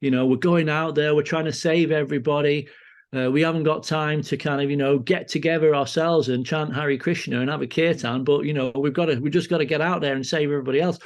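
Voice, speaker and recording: A man from Lancashire with a Lancashire accent, talking as a podcast guest in a halting way, full of restarts. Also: on the high side, steady tone. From Lancashire, England. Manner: halting, many restarts and fillers. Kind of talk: casual conversation. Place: farm community temple in Scotland.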